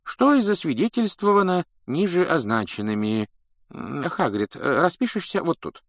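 A stuffy, officious man reads out a formal decree in a monotone drone, as a male narrator voices him. His delivery runs a little higher than the reader's own low voice, and the sound is dry and close. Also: normal speed, dry recording. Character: pompous droning male government official. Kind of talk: audiobook reading.

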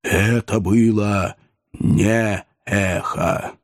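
Stern goblin spirit from a storybook voiced by a man, slow, low, dry close sound. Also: fairly even intonation, no room sound. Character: stern old male goblin of the churchyard. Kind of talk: audiobook reading.

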